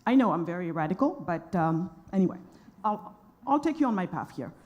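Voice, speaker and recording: A woman's voice: on the low side, very animated, a little fast, highs cut off. A woman from Senegal, an entrepreneur, speaking on a conference panel in a passionate, emphatic and outspoken way.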